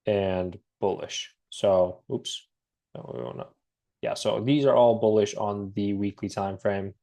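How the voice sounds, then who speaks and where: A man with a cold and a slightly raspy voice, casually talking through a trading market breakdown with many pauses and restarts. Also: fairly low pitch. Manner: relaxed, halting, many ums and restarts. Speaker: forex trading analyst.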